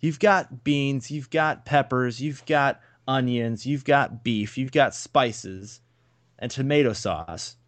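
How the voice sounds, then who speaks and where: A man's voice: mid-range voice, slow pace, dry recording. A man in his thirties co-hosting a casual podcast, wry and laughing as he tells stories. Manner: wry, laughing, animated storyteller. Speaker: podcast co-host. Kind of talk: casual chat.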